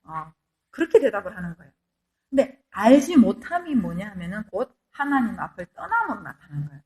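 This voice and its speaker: A woman's voice: medium pitch, big pitch swings, fast talker, a little mellow. A middle-aged woman giving a Bible lecture, conversational, asking rhetorical questions and acting out quoted inner voices.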